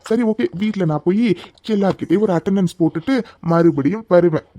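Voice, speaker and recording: A man's voice: high-pitched, brisk, mellow. Man voicing a cocky, teasing young lover. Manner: playful, boastful teasing.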